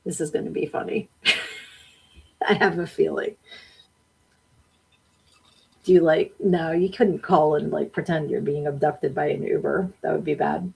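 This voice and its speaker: A woman with a low, steady voice and vocal fry hosts a live-stream podcast at normal speed, sounding a little mellow and husky on a rough recording. She reads viewer comments aloud, chats back to them, and laughs often in this casual stream.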